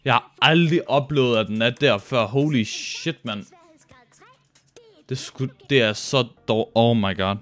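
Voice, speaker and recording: A young man with a Danish accent, commentating a speedrun live, excitable and joking with frequent swearing. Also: mid-range voice, soft background music. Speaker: streamer.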